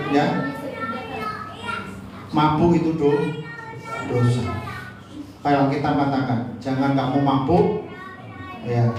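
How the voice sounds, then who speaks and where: Javanese-accented pastor booming in an echoey hall. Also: male voice, recorded from a distance, background noise. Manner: jokey, quizzes the congregation with questions. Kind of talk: live sermon.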